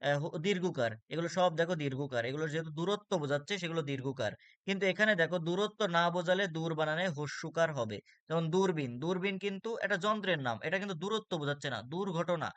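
A man's voice: on the high side, quick pace, fairly bright tone, dry recording. A man with a Bangladeshi Bengali accent teaching a spelling lesson for exam students, explaining step by step and repeating words with frequent "ah" fillers.

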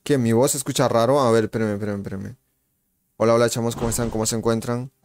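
A man's voice: medium pitch, fast, slight background noise. A man live-streaming a shooter game, chatting casually with viewers, greeting them by name and reacting to the match with slangy exclamations. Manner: relaxed, slangy banter with frequent exclamations.

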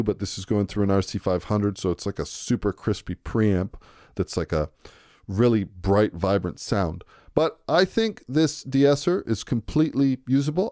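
A man giving a relaxed, conversational music production tutorial, thinking aloud as he works. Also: fairly low pitch, dry recording, studio quality. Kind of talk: screen-recorded software tutorial. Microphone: close to a studio microphone.

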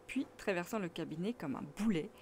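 A woman's voice: fairly low pitch, a little hiss or hum. Woman reading a classic novel aloud. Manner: measured, expressive storytelling. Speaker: audiobook reader.

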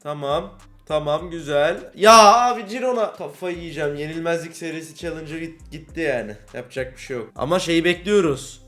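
Young man, gaming commentary, excitable, a bit high-pitched voice. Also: brisk, soft background music. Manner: excitable, talks to viewers, swings between cheer and grumbling. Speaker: gaming YouTuber. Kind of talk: casual career-mode commentary.

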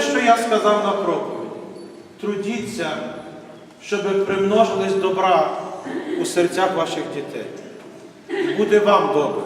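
A high-voiced priest preaches and calls children forward one by one. He speaks formally, then gently. He is heard from far back in a big church with a long, ringing echo. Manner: formal church address, then warm calling of children by name. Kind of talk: sermon and first communion ceremony. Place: large church, recorded from a distance. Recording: echoey church from far off, faint noise.

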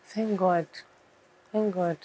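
A woman's voice: mid-range voice, big pitch swings, unhurried. An actress playing a confused young wife, restless and questioning as she recovers from an accident. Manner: restless, questioning, with a wide-ranging voice.

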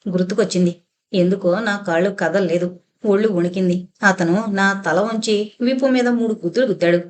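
A woman reading a first-person novel aloud as a narrator, steady and storytelling, lifting her voice for quoted lines. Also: medium pitch, moderate pace. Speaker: audiobook narrator.

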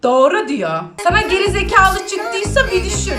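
A woman's voice: extremely high pitch, sing-song, normal speed. A young woman hosting a game channel, commenting over role-play gameplay with lots of giggling and teasing. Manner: giggly, teasing, reads chat lines aloud. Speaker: gaming channel host. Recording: roomy sound with faint music.

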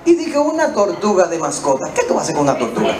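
A Dominican man doing live stand-up comedy on a small theater stage with a handheld mic, animated and slangy, slipping into voices. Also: a little high, fast talker, recorded from a distance, crowd noise. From Dominican Republic. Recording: echoey hall, mic heard from afar, loud noise.

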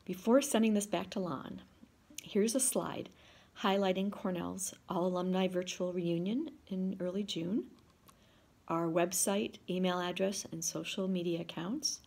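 A woman in her sixties delivers prepared remarks to classmates in a steady, measured way, speaking into a laptop on a video call from her living room. Her voice sits low, with a husky, breathy edge and a gravelly fry. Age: 60s. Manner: measured, reading from notes. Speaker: class officer. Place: home living room, indoors. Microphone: video call, laptop camera.

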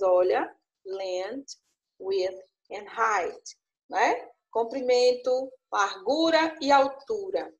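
Teacher lady explaining a lesson, lots of "ok?" checks, bit high pitched, roomy echo. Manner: coaxing, frequent tag questions. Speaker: English teacher. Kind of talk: online class explanation.

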